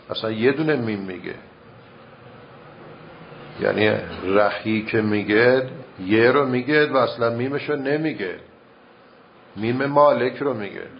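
A man teaching recitation rules in a measured, step-by-step way, reciting verse examples as he explains. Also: mid-range voice, vocal fry. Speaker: religious teacher. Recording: muffled lo-fi recording with faint noise.

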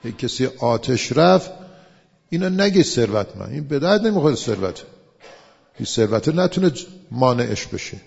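A man preaching a sermon, slowly and loudly chanting Arabic quotations between his explanations. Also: mid-range voice, sing-song, gravelly, slightly rough. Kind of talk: sermon with storytelling. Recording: echoey hall, dull lo-fi sound.

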